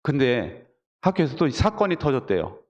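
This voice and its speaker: A male pastor preaching a Sunday sermon, telling stories with lively acted-out quotes. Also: medium pitch, moderate pace, highs cut off. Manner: animated storytelling with acted quotes. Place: church sanctuary. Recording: long church hall reverb.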